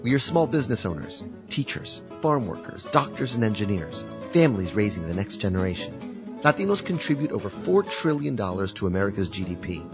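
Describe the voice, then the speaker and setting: A male announcer giving a scripted public service ad in measured, declarative phrases, heard taped off the radio. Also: on the low side, sing-song. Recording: dull radio broadcast with music under it.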